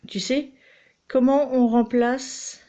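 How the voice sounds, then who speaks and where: Slow, patient mother teaching reading. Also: high-pitched, fairly even intonation, mellow. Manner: patient, coaxing, instructive. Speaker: homeschooling mother. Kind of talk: reading lesson with a child.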